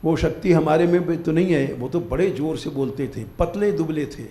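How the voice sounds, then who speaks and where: A man's voice: a little high, normal speed, warm tone, reverberant. An older man giving a live devotional discourse as a spiritual teacher, urging his listeners firmly to wake up and keep their vows. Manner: exhorting, commanding listeners to wake up. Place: temple hall, live gathering.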